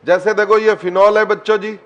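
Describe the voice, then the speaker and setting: A man's voice: sits high, flat delivery, brisk, highs cut off. A man teaching an online chemistry class, quizzing his students, coaxing them to answer and calling on them by name.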